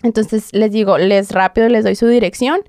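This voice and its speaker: A woman's voice: medium pitch, fairly even intonation, moderate pace, dark tone, no room sound, clean studio sound. A young woman with a Mexican accent, a podcast guest telling her story casually with lots of fillers and acted-out quotes. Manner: conversational, heavy fillers, acts out quotes.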